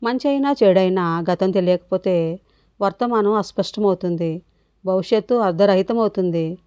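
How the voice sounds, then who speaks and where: An earnest, tender young man, as a woman narrator voices him who speaks in a comforting way. Her tone stays mellow, and the recording is dry and a little dull. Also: medium pitch, normal speed, clear, resonant tone, no echo, lightly acted.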